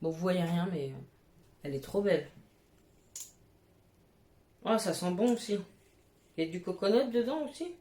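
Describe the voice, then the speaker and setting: A woman's voice: fairly low pitch, lively intonation, moderate pace, pauses often, mellow. A woman beauty vlogger chatting casually at home, gushing with exclamations and casual swearing. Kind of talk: casual haul chat. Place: at home, with her cat nearby. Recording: echoey room with faint noise.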